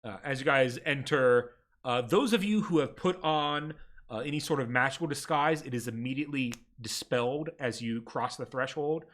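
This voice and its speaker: A man's voice: mid-range voice, moderate pace, a bit bright. A man narrating as game master in a hesitant, filler-heavy way.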